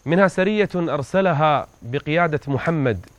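A man's voice: fairly high pitch, animated, normal speed. A man preaching in a vivid, dramatic storytelling manner as he recounts a religious history.

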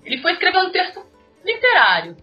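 Brazilian woman, high bright voice, animated anecdote teller, muffled with soft music. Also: fairly quick. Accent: Brazilian Portuguese. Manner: animated, acts out dialogue with sharp pitch jumps. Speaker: newsroom radio monitor. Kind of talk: casual anecdote telling. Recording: muffled audio with faint music.

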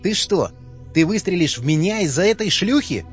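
A coarse, aggressive young brute, as a man reading an audiobook puts him on, pitched well above the reader's own voice and swinging wildly up and down. He snarls and barks his lines. The recording sounds dull and muffled. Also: expressive, moderate pace, soft background music. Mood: angry sneering. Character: crude brutal young male scavenger, foul-mouthed. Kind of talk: audiobook character voice.

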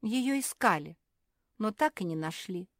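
A woman's voice: medium pitch, expressive, measured pace, no echo, studio quality, voice pushed up. A woman voicing a proud but tearful young girl in a storybook reading, speaking plaintively.

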